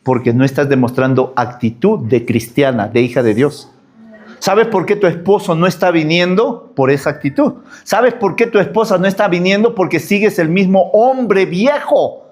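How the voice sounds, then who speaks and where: A man's voice: high-pitched, normal speed, darkish tone. A man preaching a sermon as pastor, full of rhetorical questions.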